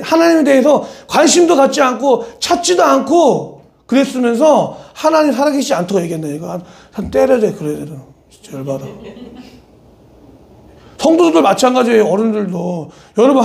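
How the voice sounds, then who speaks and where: High, gravelly-voiced male pastor. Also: fairly quick. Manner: animated, mixes polite and blunt speech, addresses listeners directly. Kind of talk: casual conversational sermon. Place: church service.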